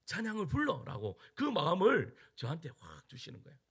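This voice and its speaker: Gravelly, animated Korean pastor preaching. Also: male voice, on the high side, brisk. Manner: animated storytelling with sudden loud peaks and hushed asides. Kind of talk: sermon with personal story.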